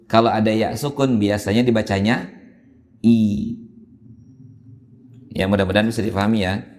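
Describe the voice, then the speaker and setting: A man teaching Quran reading in a mosque, explaining patiently and chanting drawn-out examples. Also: fairly low pitch, steady tone, a little mellow. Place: mosque hall. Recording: long hall reverb in a mosque.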